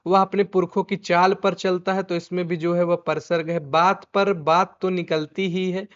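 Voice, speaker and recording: In a dull lo-fi recording, a man with a high voice reviews a Hindi exam answer key at normal speed and in a level tone. He asks himself the questions, then repeats the answers over as a drill.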